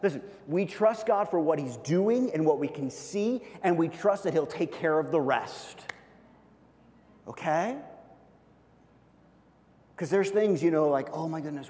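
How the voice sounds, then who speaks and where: A pastor delivering a sermon with emphatic conviction, his voice sitting a little high for a man. He drives each point home and tags it with "okay?". A long hall reverb trails behind his words. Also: darkish tone. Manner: emphatic preaching, with a repeated "okay?" after points.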